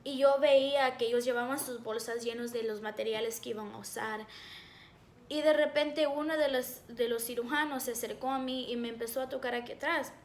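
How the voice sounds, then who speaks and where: A young woman giving a personal faith testimony, earnest and halting, often pausing on fillers. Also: fairly high pitch, fairly even intonation, slight background noise. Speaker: devotional speaker. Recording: echoey room.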